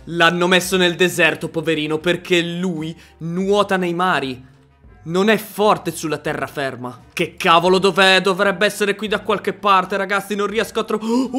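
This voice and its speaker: A young man with an Italian accent narrates his gameplay with an animated, excitable delivery. His voice sits high and sounds bright. He yelps and shouts at the action, with faint music behind him. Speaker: Minecraft YouTuber.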